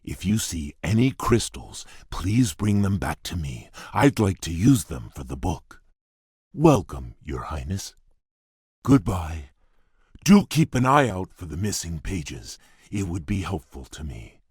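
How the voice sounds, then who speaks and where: An actor playing a courteous, shy beast prince in a video game, speaking formally and earnestly in a husky, gravelly rumble. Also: male voice, very animated, a little slow, a little mellow, no echo, studio quality, exaggerated voice. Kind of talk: video game character voice lines.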